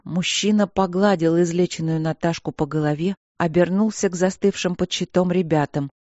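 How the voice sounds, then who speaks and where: A man reading a fantasy audiobook in a calm, measured narration. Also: sits high, no room sound, lo-fi sound.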